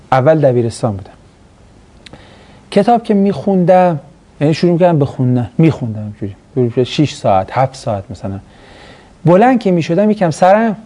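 Middle-aged male teacher, mellow voice, lively storytelling, classroom lecture. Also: a little high. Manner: animated storytelling, acts out quoted voices, laughs. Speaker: teacher of Islamic studies class.

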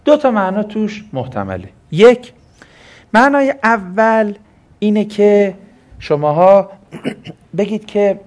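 A man with a slightly higher than usual voice teaching a lesson on Quranic exegesis. He explains step by step and often poses a question before answering it himself. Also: big pitch swings, pauses often, darkish tone.

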